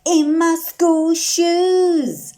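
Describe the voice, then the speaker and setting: A woman reads a picture book aloud to young children in an animated, sing-song way, asking the listeners questions and singing the refrains. Her voice is very high, and she goes extremely slowly.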